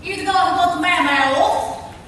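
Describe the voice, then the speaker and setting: A woman's voice: very high voice, moderate pace, a bit bright. A woman playing a cocky, menacing male gangster in a farcical stage comedy. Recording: echoey hall, distant mic, faint noise.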